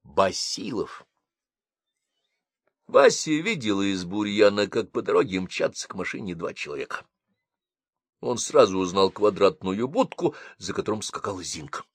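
A male reader narrating a storybook in a low voice with very lively, rising and falling intonation. The recording is dry and close. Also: normal speed, breathy edge, no room sound. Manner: expressive reading, varied intonation. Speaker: audiobook reader. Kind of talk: scripted narration.

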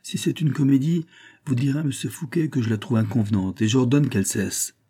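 A man's voice: mid-range voice, fairly quick, warm tone, breathy edge, pitched above the performer's own voice, close to an everyday voice. A man voicing an imperious young king who protests haughtily in a storybook reading. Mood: indignant.

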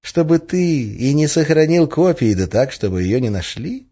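A man's voice: on the high side, big pitch swings, normal speed, dark tone, breathy edge, voice pushed up, heavily acted. A man voicing a playful, sly young witch woman in an audiobook, teasing and coaxing in a lilting tone. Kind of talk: audiobook character voice. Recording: slightly muffled lo-fi recording.

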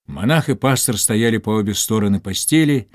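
Low-voiced male audiobook narrator. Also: a little fast, no echo, studio quality.

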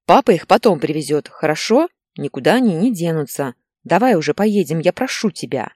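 A woman's voice: sits low, very animated, a little fast, a little mellow, husky, no room sound, clean studio sound, exaggerated voice. A woman voicing a desperate young mother who screams shrilly and tearfully. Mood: pleading.

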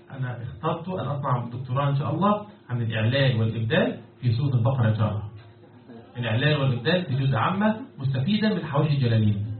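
A man with an Egyptian accent and a fairly high pitch gives a classroom lecture on Quran commentary and Arabic morphology, stopping often to quiz students and press them for answers. The recording is echoey, distant, and phone-like, with crowd noise from the lecture hall.

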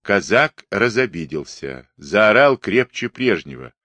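A man narrating a historical novel in a measured, expressive way. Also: fairly low pitch, dry recording. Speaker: audiobook reader.

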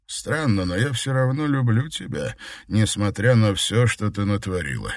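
A cold, manipulative emperor, as a male narrator plays him, calm and measured, with a low voice. He sounds self-assured and unhurried. The read is dry. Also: no echo, close to an everyday voice. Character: scheming emperor, middle-aged man, cold manipulator. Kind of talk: audiobook character voice.

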